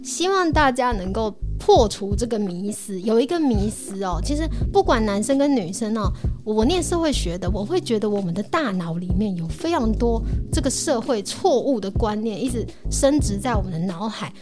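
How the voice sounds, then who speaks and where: A woman co-hosting a casual relationship podcast, talking in an animated way and acting out little quoted scenes. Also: on the high side, moderate pace, music in the background.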